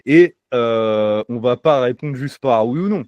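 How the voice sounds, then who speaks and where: A man's voice: medium pitch, animated, a little slow, darkish tone, clean tone, no echo, muffled recording. A man hosting a casual podcast, talking loosely with many fillers and restarts. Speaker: podcast host. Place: home by the sea.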